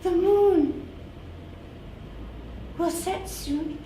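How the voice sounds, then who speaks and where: A woman's voice: very high-pitched, drawn-out words, warm tone, voice pushed up, full character voice. A woman voicing a mysterious flower who gives dramatic, cryptic warnings on stage. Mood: ominous warning. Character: small mysterious female flower, ominously warning. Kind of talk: improvised stage storytelling. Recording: echoey noisy theatre from far off.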